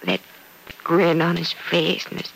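An actress playing a grieving young woman who speaks in a sorrowful, earnest, measured way, in 1940s radio acting style. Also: on the low side, expressive, creaky, slight background noise, rough recording.

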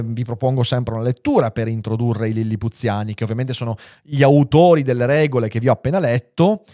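A man hosting his channel, talking through a classic book in a casual, lively lecture and reading passages aloud with expressive shifts of pace and volume. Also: medium pitch, dry recording, studio quality. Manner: animated, expressive, shifting pace and loudness freely. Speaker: host of a philosophy and literature channel.

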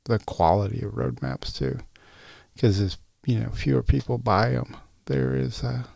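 A man's voice: mid-range voice, a little slow, gravelly, darkish tone, no echo, studio quality. A man hosting a solo podcast, chatting casually with lots of uhs and restarts. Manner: casual, many fillers and restarts. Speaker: podcast host.

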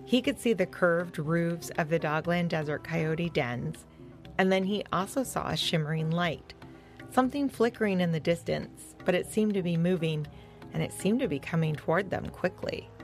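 Gentle woman reading a children's story. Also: lowish voice, moderate pace, faint music behind. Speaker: narrator.

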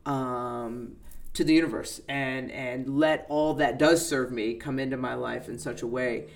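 A woman's voice: rumbling low, fairly even intonation, a little slow. A middle-aged woman guest in a casual conversation, speaking earnestly and reflectively about personal growth.

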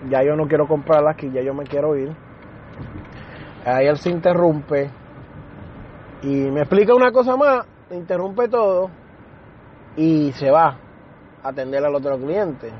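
A man with a rather high voice tells a story in a relaxed podcast monologue, slipping into the voices of the people in it. The recording sounds a little muffled, with faint car and street noise behind him. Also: a little slow, pauses often. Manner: animated retelling that acts out other people's lines. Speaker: podcast host.

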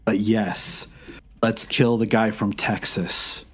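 A man's voice: lowish voice, fairly even intonation, slow pace, husky. A man playing a tabletop game, blunt and joking in casual talk. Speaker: player. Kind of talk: casual tabletop role-play.

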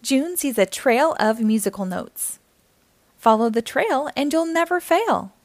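A woman hosts a children's storytime, reading aloud in an animated, encouraging manner and addressing the young listeners directly. Her voice is high-pitched and unhurried, and the recording has no echo.

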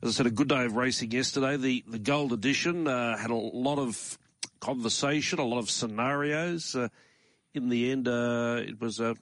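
A man's voice: mid-range voice, normal speed, a bit bright, no echo. Australian man hosting a morning show. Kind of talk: morning radio racing talk show hosting. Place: radio studio.

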